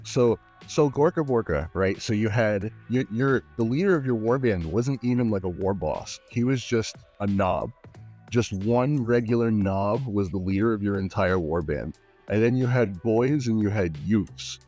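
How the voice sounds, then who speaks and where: A man's voice: fairly low pitch, moderate pace, darkish tone, soft background music. A man chatting as a podcast guest, eager and full of restarts and filler words. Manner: enthusiastic, many "like" fillers and restarts. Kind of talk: casual chat.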